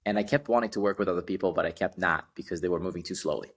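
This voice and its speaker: A young startup founder appears as a podcast guest, his voice deep and low. He's a lively, animated storyteller who talks casually and often stalls on an "um" before carrying on.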